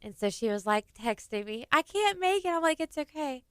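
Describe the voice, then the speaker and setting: A woman's voice: high voice, big pitch swings, moderate pace, no room sound, studio quality. A woman in her thirties with a Texan accent, a guest chatting casually on a local radio show and laughing often. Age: 30s. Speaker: studio guest.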